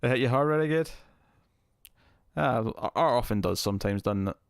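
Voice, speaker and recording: A man hosting a casual live stream, chatting to viewers and thinking aloud, his voice heavily compressed to an even level on a close mic. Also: medium pitch, normal speed, creaky, clear, resonant tone, no room sound.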